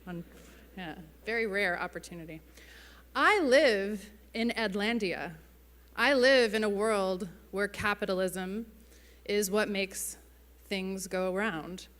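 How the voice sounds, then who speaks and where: Female conference presenter, careful and measured for an audience, amplified in a big echoing hall. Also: mid-range voice, steady tone, fairly bright tone. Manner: careful, slowly spoken English for foreign listeners. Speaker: keynote speaker, advertising strategist. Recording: reverberant hall, amplified stage talk.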